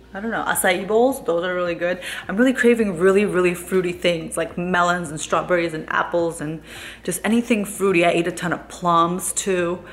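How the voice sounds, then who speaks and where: Chatty young woman vlogging. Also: fairly low pitch. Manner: chatty and bubbly, laughs often. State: slightly out of breath from walking. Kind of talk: casual vlog chat.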